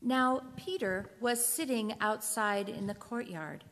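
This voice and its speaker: A woman narrating scripture in a deliberate, clearly phrased way, in a reverberant hall. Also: mid-range voice, a bit bright. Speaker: narrator in a church readers' theater.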